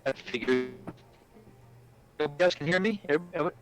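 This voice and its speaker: A man's voice: on the high side, fairly quick, faint music behind, poor audio. Man with a robotic, glitching voice. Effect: robotic, glitchy voice from a dropping connection. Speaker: player. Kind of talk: casual tabletop chat over a voice call. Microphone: faulty headset.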